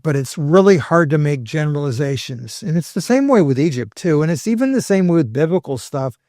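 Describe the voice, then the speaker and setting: Guy, a bit high-voiced, historian on a podcast, explains stuff casually w/ dry jokes, very dry sound. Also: big pitch swings, a little fast, darkish tone, no echo. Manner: explanatory, with wry humorous asides. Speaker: historian guest. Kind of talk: conversational podcast lecture.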